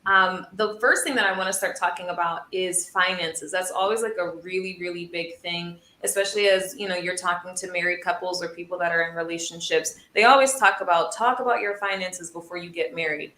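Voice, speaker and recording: A woman hosting a casual interview, effusive and quick to laugh. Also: lowish voice, fairly even intonation, roomy sound. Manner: warm, effusive, laughs often. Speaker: host.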